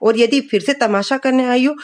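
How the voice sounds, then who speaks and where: A patient, wise middle-aged mother reasons gently with her family, as a woman reads her lines. The voice is a touch high and stays even. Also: normal speed, natural voice. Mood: calm advice.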